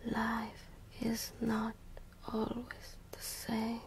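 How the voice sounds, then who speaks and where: A woman whispering an ASMR pep talk of positive affirmations in short, repeated phrases with long pauses. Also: fairly high pitch, monotone, a little hiss or hum. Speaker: ASMR host.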